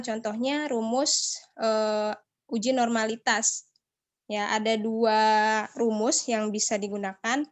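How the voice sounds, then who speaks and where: Woman, fairly high voice, online lecture, explanatory speaking, video call.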